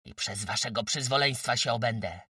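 A man's voice: medium pitch, a little fast, bright, forceful tone, no room sound, studio quality, recorded from a distance. Man doing a stubborn young peasant son. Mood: defiant. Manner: gruff, insistent demands.

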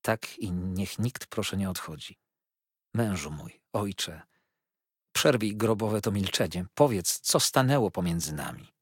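A man voicing a gentle young wife who speaks softly and imploringly. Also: on the low side, big pitch swings, measured pace, husky, no room sound, clean studio sound, exaggerated voice. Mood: pleading. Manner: soft, imploring.

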